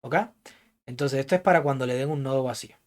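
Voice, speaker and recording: A male lecturer explaining code to a class, pausing often to check that students follow and putting questions to them. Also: mid-range voice. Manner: keeps checking understanding with "¿ya?" and "¿entiendes?"; thinks aloud, hedging what he recalls. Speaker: programming lecturer.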